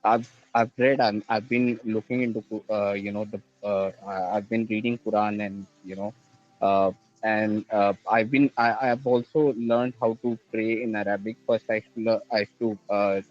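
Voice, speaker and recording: A man from India, calling in with questions, halting and restarting as he searches for words. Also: lowish voice, steady tone. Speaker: caller. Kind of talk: call-in question to a religious show. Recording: dull lo-fi call line.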